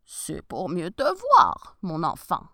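A woman's voice: fairly low pitch, huge pitch swings, takes it slowly, bright, forceful tone, no echo, studio quality, pitched below the performer's own voice, heavily acted. A woman voicing a sly big bad wolf. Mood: menacing.

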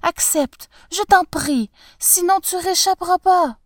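A woman voicing a devoted young princess, soft and pleading. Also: very high-pitched, a little slow, no echo, studio quality, voice pushed up.

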